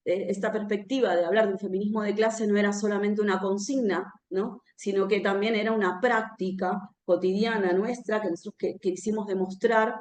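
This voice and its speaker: A woman with an Argentine accent speaks at mid pitch at a talk in front of an audience. She keeps a conversational tone and often tags her phrases with a questioning "no?". The roomy echo of the hall surrounds her voice. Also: fairly even intonation, fairly quick, hardly any pauses. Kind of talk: live public talk. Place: room where a talk is held, with an audience.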